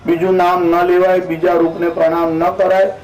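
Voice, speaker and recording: A woman giving a devotional storytelling discourse as a spiritual speaker. She voices the characters' lines and chants verses slowly. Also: fairly low pitch, flat delivery, a little mellow. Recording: echoey room, distant mic, faint hiss.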